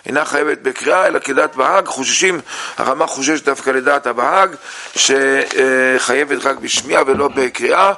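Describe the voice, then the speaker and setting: Bright-voiced man teaching a law lesson. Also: medium pitch, slight background noise. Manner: halting, many "uh" fillers, reads sources aloud then explains. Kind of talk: halakha lesson.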